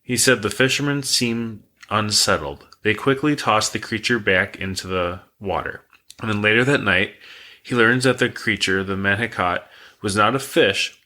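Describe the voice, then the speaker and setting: Low-voiced man telling a creepy tale. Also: normal speed. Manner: relaxed, rambling, reads facts aloud. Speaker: podcast co-host telling the story. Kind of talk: casual podcast storytelling.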